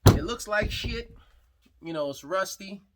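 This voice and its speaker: A man's voice: high-pitched, expressive, measured pace, very noisy. A man talking casually through his engine build in a garage vlog, rambling loosely with lots of fillers. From New York. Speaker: hobby mechanic vlogger.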